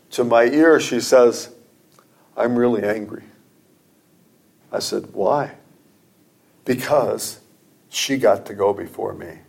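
A man's voice: mid-range voice, vocal fry, a little mellow. Middle-aged guy preaching, earnest, tells stories, voice goes up when he makes a point. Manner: earnest, storytelling, rising with emphasis. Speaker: pastor. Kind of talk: sermon.

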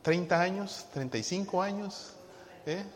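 A man's voice: sits high, measured pace, in a large hall. A man preaching a sermon to a congregation, asking them questions and now and then singing lines of a hymn. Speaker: pastor.

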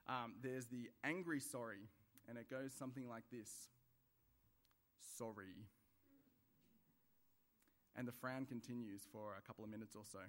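A man preaching a sermon in church, at an ordinary middle pitch. He talks through his points in a conversational way, asking the listeners questions. He acts out small everyday examples as he goes. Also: fairly bright tone.

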